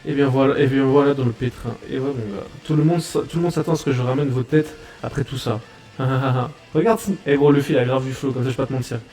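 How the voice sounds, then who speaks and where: A man hosting a reaction video, chatting casually in excitable, slangy banter and repeating his own phrases. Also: medium pitch, fast talker, soft background music.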